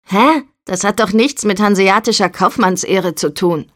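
A woman's voice: medium pitch, measured pace, lightly acted. Audiobook: arrogant young man lecturing a colleague, read by a woman, smug and bossy. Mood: irritated. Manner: condescending, lecturing.

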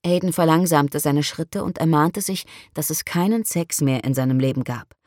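A woman reading a romance novel aloud as an audiobook narrator, calm and even. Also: deep voice, moderate pace, no echo, clean studio sound. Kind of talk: scripted narration.

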